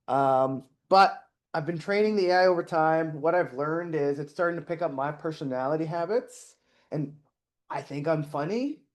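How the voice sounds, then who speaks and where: The speaker, a middle-aged man at a conference, talks to the audience from the stage at normal speed with a fairly high pitch. His delivery is casual and self-effacing, peppered with fillers and restarts.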